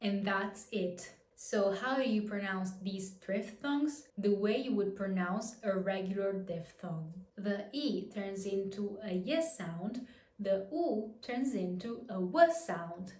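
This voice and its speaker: A woman teaching a pronunciation lesson, patient and clear, demonstrating each word slowly and repeating it. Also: mid-range voice, a little mellow, roomy sound. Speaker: language teacher.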